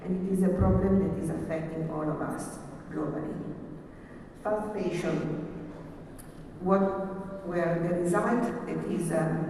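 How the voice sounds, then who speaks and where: A woman's voice: on the low side, dark tone. Woman giving a keynote in an echoey hall. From Italy. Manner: formal, measured, reading from slides. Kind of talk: conference keynote speech. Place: large conference hall. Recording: echoey hall from far off, faint hiss.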